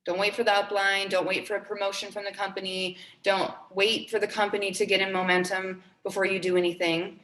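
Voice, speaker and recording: A young woman in her twenties gives an upbeat, earnest pep talk to her team and circles back on her key phrases for emphasis. Her voice sits at an ordinary middle pitch, and she is recorded in a room with noticeable echo. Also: flat delivery, brisk, few pauses, a bit bright. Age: 20s. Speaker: team trainer.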